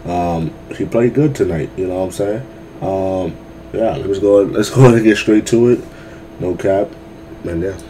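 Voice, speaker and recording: A man's voice: low voice, moderate pace, mellow, slight background noise, rough recording. A young man chatting casually as a YouTuber reacting to a game, tired and late at night, slangy and repeating himself as he trips over his words.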